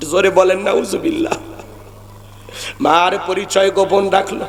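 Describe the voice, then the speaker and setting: A man delivers a tearful sermon as a wailing, sing-song story. His voice sits high, and his drawn-out cries rise even higher. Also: a little hiss or hum. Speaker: preacher.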